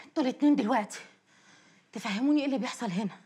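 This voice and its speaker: A woman's voice: fairly high pitch, rapid-fire, dark tone, slight background noise, lightly acted. An actress playing a worried young wife and mother, insistent, in an Egyptian accent. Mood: anxious. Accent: Egyptian Arabic. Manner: anxious, insistent. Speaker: actor. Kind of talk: TV drama acting.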